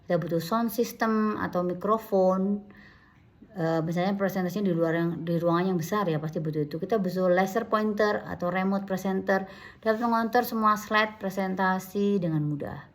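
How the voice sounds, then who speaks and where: A woman's voice: medium pitch, fairly even intonation, moderate pace. A middle-aged woman giving a recorded university lecture, listing her points in order and often correcting herself mid-word. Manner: lists points in order with frequent self-corrections.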